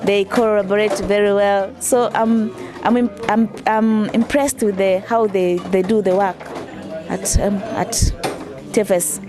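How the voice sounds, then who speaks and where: Tanzanian woman talking simply in an interview, repeats herself a lot, clear music behind her. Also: medium pitch, fairly even intonation. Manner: simple, warm repetitions, halting. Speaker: sewing center manager. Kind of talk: interview testimony.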